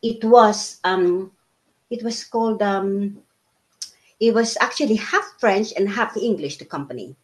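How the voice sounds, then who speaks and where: A low-quality recording captures a woman in her fifties from the Philippines recounting her life in a casual interview. A native Tagalog speaker, she speaks at a measured pace and medium pitch, chatty and full of fillers and restarts.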